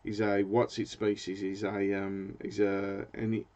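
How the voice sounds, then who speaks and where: Rambling British man, low voice. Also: completely flat delivery, a little slow, darkish tone. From Britain. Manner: rambling, hesitant, searches for words. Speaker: fishing channel host. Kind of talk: casual live-stream chat. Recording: dull lo-fi sound.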